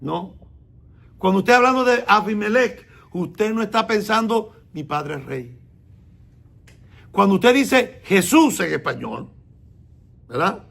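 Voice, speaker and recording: A man's voice: high voice, lively intonation, gravelly, a bit bright. A man, a messianic rabbi, teaching a sermon and questioning the congregation as he explains. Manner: explains slowly and repeats words, asks the congregation questions.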